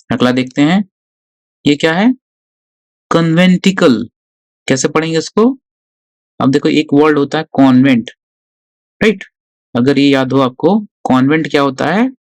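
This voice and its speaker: A man teaching an exam vocabulary lesson online, who asks his own questions, answers them and repeats key words slowly, in Hindi mixed with English spoken with an Indian accent. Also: mid-range voice, dry recording.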